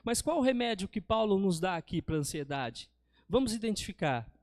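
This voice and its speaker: The sermon comes from a high-pitched man with a Brazilian accent whose voice swings widely in pitch and carries a darkish tone at normal speed. He tells stories and frequently calls listeners brothers, in clean studio sound without echo.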